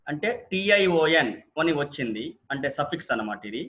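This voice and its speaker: A man's voice: medium pitch, expressive, fairly quick, sharp tone. A male teacher explaining English word stress in Telugu, repeating each example word twice with careful syllable stress. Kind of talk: exam-prep lesson on word stress.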